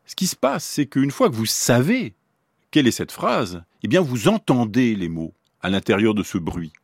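A neuroscientist on a radio science talk explains how babies learn words and how the brain works, posing questions to the listener along the way. His medium-pitched voice is very animated, moves at a moderate pace, and sounds slightly rough.

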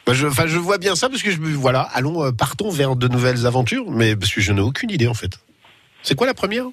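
A man's voice: mid-range voice, big pitch swings, fast, fairly bright tone, dry recording. Hesitant joking radio co-host man. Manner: hesitant, stammering, jokey. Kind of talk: casual radio banter.

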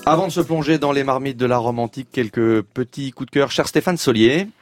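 A man's voice: medium pitch, a little fast, faint music behind. A man hosting a radio food show, chatting eagerly with his guests and laughing often. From France. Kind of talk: lively radio chat. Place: radio studio.

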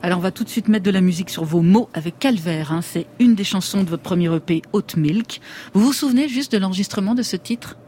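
A woman's voice: medium pitch, a little fast, warm tone, slight background noise. A woman hosting a conversational radio interview from a studio. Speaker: radio host.

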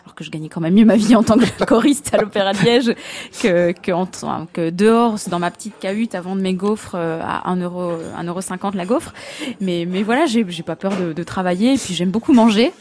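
A woman's voice: mid-range voice, fairly quick, darkish tone. Woman, light Belgian accent, opera singer, hesitant, restarts, casual radio interview. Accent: Belgian French, light. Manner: hesitant, many fillers and restarts, laughs easily. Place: live radio show before a public.

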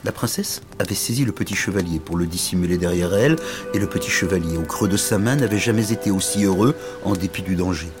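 A middle-aged man reading a children's story aloud in an expressive, playful way. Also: sits low, fast talker, over music.

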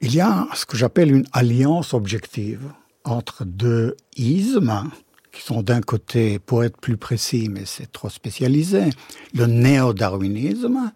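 A middle-aged man, a philosopher appearing as a guest in a radio studio interview, gives an ironic, emphatic explanation at a measured pace with a breathy edge. He speaks the language as a non-native, his first language not being French, and his expressive delivery features sudden jumps in pitch. The recording is dry.

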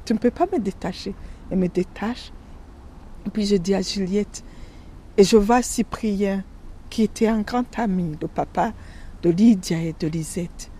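Woman from Burundi, halting emotional testimony. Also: mid-range voice, dark tone, breathy edge. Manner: halting, emotional retelling with broken restarts. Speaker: interview guest. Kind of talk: radio testimony.

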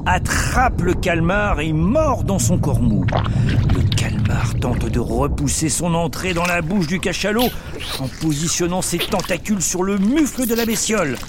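Animated man narrating a nature documentary. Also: fairly high pitch, unhurried, very noisy. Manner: vivid, dramatic storytelling.

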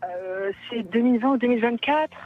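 A woman's voice: fairly high pitch, a little fast, narrow, tinny audio, a loud crowd. A woman from Morocco calling in to a radio quiz, answering hesitantly and opening with "euh". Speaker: caller and quiz contestant. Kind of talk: casual answers on a radio phone-in.

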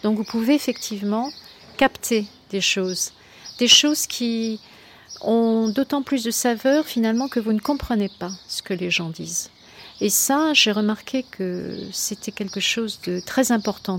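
A woman speaking reflectively in an interview, searching for words and repeating phrases for emphasis. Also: on the high side. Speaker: interviewed poet and flight attendant. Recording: clear ambient noise behind voice.

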